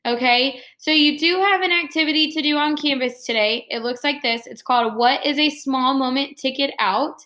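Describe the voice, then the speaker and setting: Her voice sits high with a sharp tone, moving at a moderate pace with few pauses. She is an elementary teacher reading a story aloud and explaining it step by step to young students.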